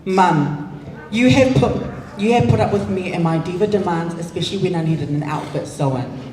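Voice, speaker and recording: A woman giving a formal, measured thank-you speech as a reigning pageant titleholder. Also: on the low side, background noise. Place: large event hall on stage. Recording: echoey hall PA from far off.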